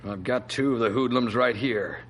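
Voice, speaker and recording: An actor playing a stubborn small-town sheriff in an old radio show, gruff and a little hesitant when corrected. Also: male voice, medium pitch, moderate pace, a bit bright. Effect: old radio show broadcast. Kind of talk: 1950s radio drama acting. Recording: faint hiss of an old radio recording.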